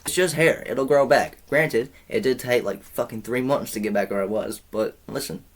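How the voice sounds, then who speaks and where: A man's voice: medium pitch, normal speed. A young man in his twenties telling a rambling, profane storytime, heavy on slang and filler. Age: 20s. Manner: rambling, profane, slangy, says bro a lot. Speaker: vlogger. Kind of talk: casual storytime chat.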